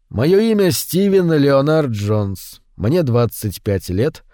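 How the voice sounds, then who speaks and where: Male audiobook narrator, mid-pitched, hushed and unhurried, dead-dry studio read. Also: no echo. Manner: slow, hushed and brooding, with louder acted quotes. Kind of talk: scripted narration of a short story.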